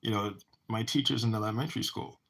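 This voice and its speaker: A man's voice: on the low side, fairly even intonation, fast talker, creaky, fairly bright tone. A man who talks about his own life in a rambling monologue, often restarting and repeating words. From United States. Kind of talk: personal monologue.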